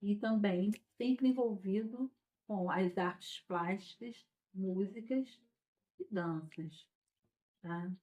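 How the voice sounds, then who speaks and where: A woman's voice: mid-range voice, takes it slowly, mellow. A woman teacher explaining a lesson patiently, often checking in with her listeners as she goes. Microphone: recorded without a microphone. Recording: dull lo-fi sound without a microphone.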